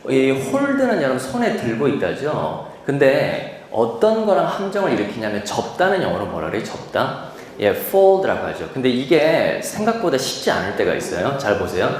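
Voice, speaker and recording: A man's voice: mid-range voice, slight background noise. A male instructor lecturing a class, explaining vocabulary patiently and repeating key words. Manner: slows to model English pronunciation. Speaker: TOEIC instructor. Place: lecture room. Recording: echoey hall, distant mic.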